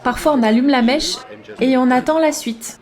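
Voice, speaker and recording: A candid intelligence contractor voiced by a woman in a conversational dub. The voice sits fairly high. The delivery is offhand and matter-of-fact, like someone explaining office routine. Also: normal speed, a little mellow, natural voice. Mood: casual, candid. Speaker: voice-over dub of an interviewee.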